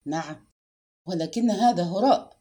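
A woman's voice: lowish voice, unhurried, warm tone, pitched below the performer's own voice, lightly acted. A woman doing a shrewd old spinster detective. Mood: grave, knowing.

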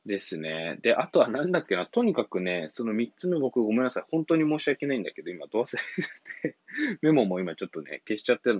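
A man's voice: medium pitch, big pitch swings, fast talker, a little mellow, no echo, muffled recording. A man hosting an English-coaching podcast, talking casually and rambling, often chuckling and apologizing as he loses his thread. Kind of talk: casual solo podcast talk.

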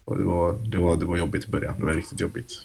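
A young man, a football player being interviewed, telling stories casually with lots of fillers and slang, and growing animated when he acts out what others shouted. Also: deep voice, creaky, a little hiss or hum. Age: young adult. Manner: relaxed, animated when retelling, heavy "du vet" fillers and street slang. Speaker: youth football player, guest.

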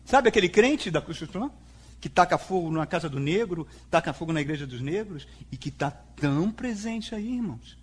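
A man's voice: a little high, animated, normal speed, slight background noise. A man with a Brazilian Portuguese accent preaching a sermon as a pastor, speaking emphatically to the congregation and acting out quoted dialogue. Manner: acts out quoted speech in dialogue.

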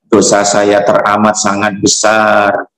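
Man playing a slow low-voiced remorseful sinner, halting, echoey room. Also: monotone, fairly bright tone. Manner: slow, halting, repetitive confession. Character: weeping, remorseful male sinner confessing.

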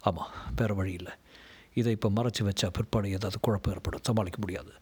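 Firm calm detective guy, read by a man, husky voice, steady. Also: lowish voice, normal speed. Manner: firm, reassuring.

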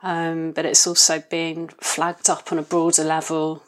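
Lower-voiced woman speaking thoughtfully as a guest. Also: completely flat delivery. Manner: thoughtful, hesitant, pausing to reformulate. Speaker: interview guest. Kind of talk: reflective conversational interview.

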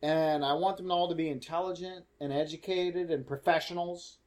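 Deadpan man riffing on a movie. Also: on the high side, normal speed. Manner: wry, deadpan, rambling jokes. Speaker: film commentator. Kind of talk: casual comedic commentary.

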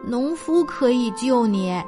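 A woman's voice: a little high, animated, slow pace, over music. A woman voicing a nosy, curious little male piglet who asks eager questions in a storybook tale.

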